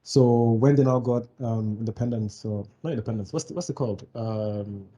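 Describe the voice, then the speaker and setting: A young Nigerian man co-hosts a podcast, speaking bluntly and at length in casual discussion, explaining with restarts. His mid-range voice has a dark, slightly rough tone at a normal speed. The audio sounds dull.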